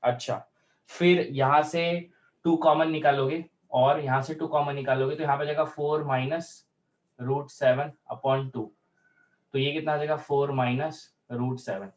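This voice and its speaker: A man teaching a math lesson in Hindi with English terms, working through steps aloud and slowing down to dictate formulas. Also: fairly high pitch, fairly even intonation, highs cut off. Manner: talks through steps aloud, checks in with students often; slows right down to dictate formulas.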